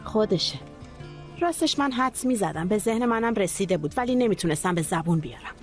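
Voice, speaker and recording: An earnest young daughter, voiced by an actress in a dubbed television drama. She presses her mother with questions in a lively, wide-ranging voice, with faint music in the background. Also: mid-range voice, lightly acted. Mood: curious.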